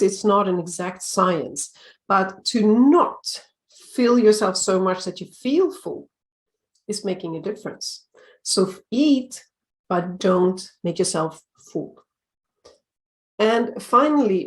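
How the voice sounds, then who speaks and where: A middle-aged woman from Sweden with a Swedish accent, giving calm, measured advice in a short video talk about healthy eating. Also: mid-range voice. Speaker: time-management coach.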